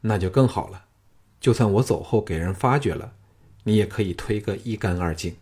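Guy playing a gentle young hero, low and kinda husky, soft reassuring tone. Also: moderate pace.

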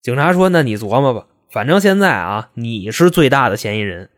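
A man's voice: medium pitch, sing-song, brisk, no echo, clean studio sound, natural voice. A man voicing a blunt, impatient police detective who grills a suspect with sarcastic questions. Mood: stern. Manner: scolding, sarcastic, pressing questions.

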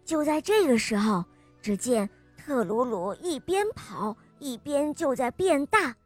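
Gentle lady reading a kids story, high voice, slow, dry close mic. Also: no room sound. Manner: gentle, expressive, addresses kids directly. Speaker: children's storyteller. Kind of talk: children's story narration.

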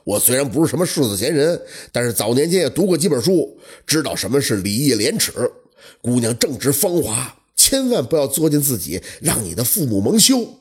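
A man's voice: mid-range voice, big pitch swings, a little fast, husky, full character voice. A man playing an upright young laborer who talks bluntly and earnestly, in a told story.

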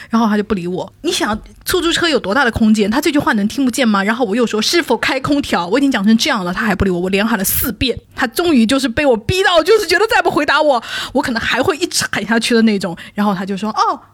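A woman telling stories in a casual chat, animated, often laughing and building to mock outrage. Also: medium pitch, no room sound.

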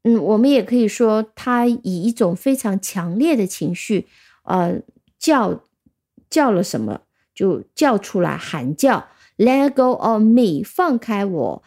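A middle-aged woman teaches a vocabulary lesson in a patient, explanatory way. Her voice has a gravelly edge and a dark, mellow tone. She spells words out slowly and repeats each example. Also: medium pitch, very animated. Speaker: English teacher.

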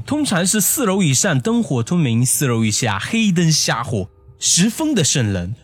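A man narrating a first-person horror story in a hushed, suspenseful manner. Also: fairly high pitch, no room sound.

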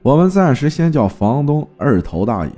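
A man narrating a folk ghost story in a lively, vivid storytelling manner. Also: mid-range voice, moderate pace, faint music behind.

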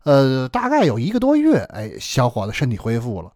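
A man telling a traditional story in a lively, chatty way with many fillers. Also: mid-range voice, brisk, no room sound, studio quality.

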